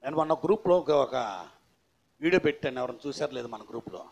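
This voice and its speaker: A pastor preaching a sermon, quizzing his congregation with questions and swinging between raised, declaiming passages and low, conversational asides. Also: fast talker, creaky, darkish tone.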